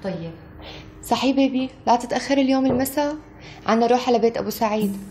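A woman's voice: fairly high pitch, fast, dark tone, slight background noise, natural voice. A woman with a Syrian accent acting as a chatty, insistent young wife in a comedy sketch. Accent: Syrian Levantine Arabic. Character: chatty young wife, busy with social plans. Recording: background music under dialogue.

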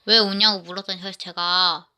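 A woman's voice: lowish voice, little pitch movement, fairly quick, sharp tone, clear, resonant tone. A woman narrating a personal story in the first person, rambling and often restarting her sentences.

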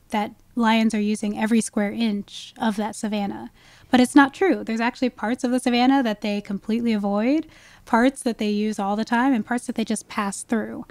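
A woman with a fairly high, slightly mellow voice appears as a guest expert, a wildlife ecologist, in a conversational interview. She explains things enthusiastically, and the recording has no echo.

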